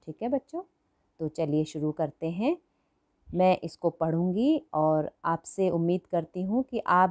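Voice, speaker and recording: Woman, schoolteacher, slow patient lesson, mellow low voice, repeats words, quizzes children. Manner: patient, repeats words and asks the class questions. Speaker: primary school Hindi teacher.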